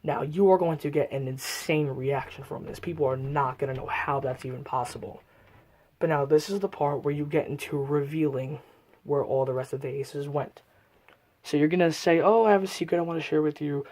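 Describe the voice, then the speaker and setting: A man's voice: on the high side, steady tone, moderate pace, darkish tone. A man giving a casual, methodical step-by-step card trick tutorial, often recapping as he goes. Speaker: magic tutorial presenter.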